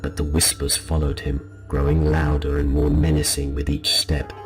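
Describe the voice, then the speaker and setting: A man narrating a scripted scary story as a storyteller, in a low, haunting and ominous delivery. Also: completely flat delivery, normal speed. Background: music behind the voice.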